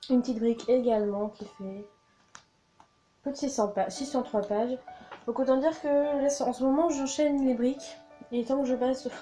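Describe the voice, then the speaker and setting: A young woman presenting her new books in a casual vlog, enthusiastic and full of fillers and repeated words. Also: a little high. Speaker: book vlogger. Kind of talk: casual book haul chat. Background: soft background music.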